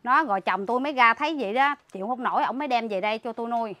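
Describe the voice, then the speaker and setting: A woman's voice: a little high, racing, a bit bright. A woman with a Southern Vietnamese accent tells her account in a rush, indignant and full of restarts. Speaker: interviewee, relative caring for a sick man. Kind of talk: emotional spoken account.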